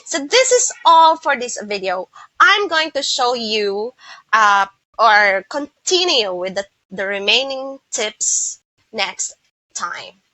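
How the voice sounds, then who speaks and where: A woman English teacher giving an online pronunciation lesson, explaining slowly and carefully with some restarts. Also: fairly high pitch, bright, forceful tone, dry recording, rough recording.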